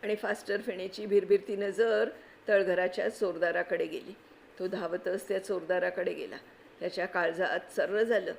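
A woman reads a story aloud with expressive, vivid delivery. Her voice has a gravelly edge at a middle pitch. A faint background noise sits under her voice. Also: normal speed. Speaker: story reader. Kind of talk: dramatic story reading.

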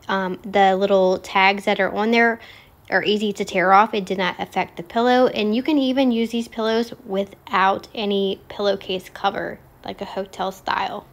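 A woman in her thirties, a wife and mom, chatting upbeat to her viewers in a home cleaning vlog voice-over. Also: medium pitch.

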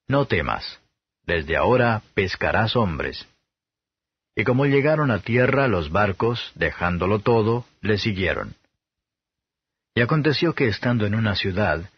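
Man, low voice, husky, steady measured scripture reading, dry dull lo-fi sound. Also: no echo. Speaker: audiobook narrator. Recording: dull, slightly lo-fi dry recording.

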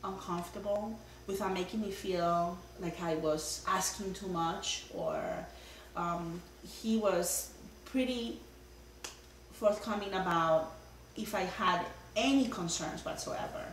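A woman's voice: on the low side, slow pace. A middle-aged woman, a homeowner, earnestly telling a long story at her dining table with many fillers. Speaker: homeowner giving a testimonial. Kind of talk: casual testimonial. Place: dining room of a house, indoors. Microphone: far camera. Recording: roomy, distant camera audio, faint hum.

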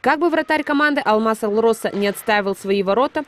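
A woman's voice: on the high side, brisk, a crowd in the background. A woman reporter reading a scripted sports news narration. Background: music.

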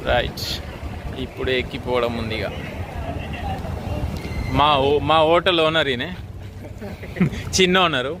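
A man's voice: mid-range voice, measured pace, long pauses. A young man with a Telangana accent, chatting casually to viewers as a vlogger while standing outdoors beside a car. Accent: Telangana Telugu. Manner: chatty, addresses viewers as friends. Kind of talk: casual vlog narration. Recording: outdoor street and traffic noise.

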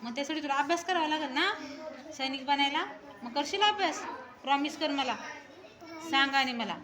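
A woman's voice: high-pitched, normal speed, crowd noise. A woman schoolteacher questioning young pupils in class, coaxing them and repeating her questions, telling them to speak up. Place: school classroom full of children. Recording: noisy classroom ambience.

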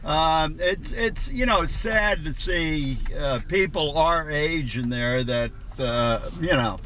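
A man in his seventies, a vlogger on a road trip with old Marine friends, chats casually and ramblingly on a conference call from inside a car, using salty language. His voice is a little high, slow-paced, pushed and bright. The camcorder audio is noisy.

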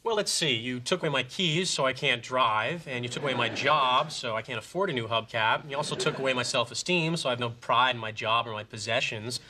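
An actor playing a sarcastic, awkward teenage son with deadpan, wisecracking delivery. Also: male voice, mid-range voice, brisk, hardly any pauses, a loud crowd, close to an everyday voice. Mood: wry. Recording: noisy sitcom TV audio.

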